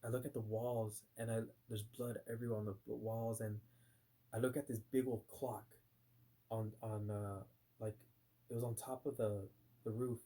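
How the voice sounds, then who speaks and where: Telling the story of a nightmare he had, this vlogger wanders through it casually, restarting sentences, using plenty of fillers and occasionally voicing how he reacted in sudden bursts. He speaks at a moderate pace in a warm, rather low voice with little pitch movement.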